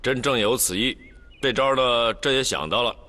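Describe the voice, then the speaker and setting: An actor playing a grave, commanding emperor who speaks in measured, warning tones in a period TV drama. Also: male voice, medium pitch, pushed and bright, long reverb tail, natural voice. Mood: stern.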